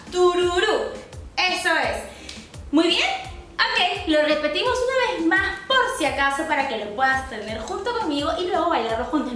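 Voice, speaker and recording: A young woman with a very high, bright voice leads a dance lesson. She counts the beats and makes sound effects for the steps, keeping it upbeat and encouraging. She is heard from a distance in a very echoey room, with faint music underneath. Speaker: dance instructor. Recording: very echoey room, mic far off.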